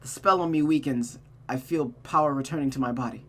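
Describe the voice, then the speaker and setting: A mid-range voice, slightly quick, performs a visual novel aloud for a stream. Dramatic narration alternates with casual asides, and the streamer often backs up to reread sentences gotten wrong, keeping an expressive tone.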